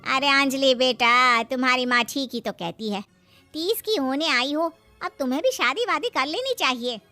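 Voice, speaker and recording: A woman's voice: high voice, expressive, moderate pace, sharp tone, soft background music. A woman playing a nosy, coaxing neighbourhood auntie and matchmaker in a cartoon story. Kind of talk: Hindi cartoon story acting.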